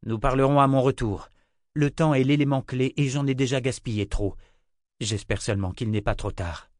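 A man voicing a hurried, resolute young male hero in a dry audiobook reading. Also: mid-range voice, no echo, pitched above the performer's own voice, lightly acted.

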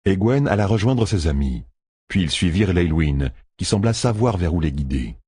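A man narrating an audiobook with steady storytelling. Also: sits low, normal speed, slightly rough, dry recording, clean studio sound.

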